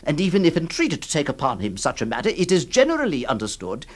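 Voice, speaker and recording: In 1960s radio drama acting, a male actor voices a middle-aged lawyer who employs a scrivener and narrates the story. His voice is a little high, fast, with huge pitch swings, stammering and theatrical as he swings between mock cheer and pleading. The character comes across as flustered, exasperated, and kindly.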